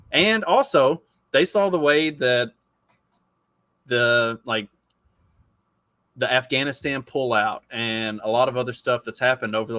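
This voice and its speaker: A man's voice: mid-range voice, sharp tone, no echo. A man of forty talking in a casual podcast chat, profane and rambling, with many restarts. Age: 40s.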